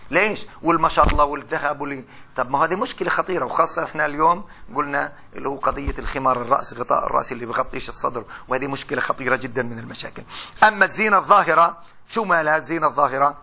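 A man's voice: medium pitch, gravelly, bright, forceful tone, slightly rough. A middle-aged man with a Palestinian Arabic accent giving a university lecture, chatty, putting questions to his students and answering them himself. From Gaza, Palestine.

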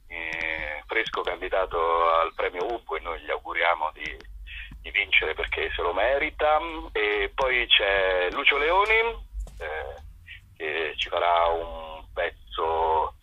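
This interview guest, an actor and author, has a fairly low voice and speaks casually, playfully and haltingly, frequently repeating himself and starting phrases over. The recording is lo-fi and carries no room sound.

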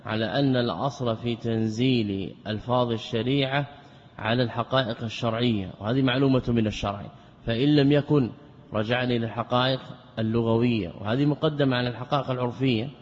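A man, a religious scholar, gives a classroom lecture on legal theory. He explains in a measured way, poses rhetorical questions, and slowly repeats key phrases. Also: medium pitch, steady tone. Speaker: Islamic scholar teaching a text. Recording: reverberant hall, dull lo-fi sound, faint hiss.

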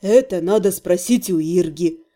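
A woman voicing a quiet, patient older male healer in an audiobook, speaking softly and calmly. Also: fairly low pitch, a little slow, voice pushed down, lightly acted. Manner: quiet, patient, near-whisper. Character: calm older male healer, soft-spoken.

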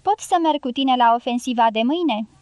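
A woman's voice: high-pitched, expressive, darkish tone, no echo. A woman reading as a teasing young woman. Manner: cheerful, teasing.

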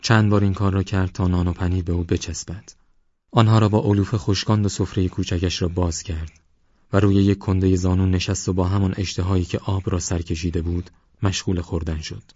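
Deep-voiced man narrating a novel. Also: flat delivery, warm tone, no room sound. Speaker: audiobook narrator. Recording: dull lo-fi audio.

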